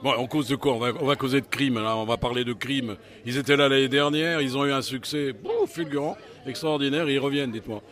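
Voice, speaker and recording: A man's voice: mid-range voice, expressive, quick pace, hardly any pauses, fairly bright tone. Chatty joking male interviewer. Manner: jokey, chatty, full of fillers and puns. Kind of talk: casual street interview.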